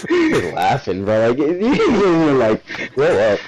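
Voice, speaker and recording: A man in a group voice chat, loud and excitable, laughing a lot. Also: a little high, slow. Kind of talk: casual rowdy banter. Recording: loud noisy voice chat line.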